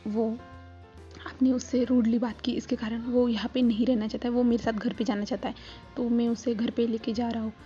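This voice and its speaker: A woman voicing Lan Zhan, a calm gentle uncle. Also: fairly high pitch, fairly quick, close to an everyday voice. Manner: calm, soothing. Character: calm protective grown man, gentle uncle. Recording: slightly dull with soft music.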